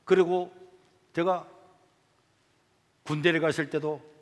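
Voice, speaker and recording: Gyeongsang pastor preaching a testimony. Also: male voice, fairly high pitch, slow pace, big-room sound. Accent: Gyeongsang Korean. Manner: animated storytelling, acting out dialogue. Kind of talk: testimony sermon.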